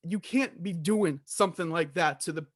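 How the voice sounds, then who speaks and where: Man doing an indignant high-pitched wrestling promo. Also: moderate pace, close to an everyday voice. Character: indignant crusading pro wrestler calling out a villain. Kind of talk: amateur wrestling promo, speechifying.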